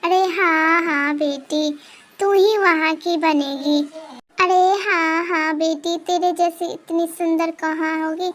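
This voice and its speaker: A greedy, scheming stepmother from a cartoon story, coaxing and flattering, as a woman reads her. The voice sits high and stays flat, with little rise and fall. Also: slow pace, exaggerated voice.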